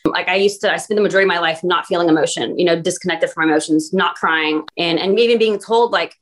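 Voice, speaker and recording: A woman's voice: fairly low pitch, quick pace. A woman guest speaking casually and earnestly, rambling with lots of fillers as she explains her daily practices. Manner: earnest, rambling, heavy use of "like". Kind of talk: casual podcast conversation.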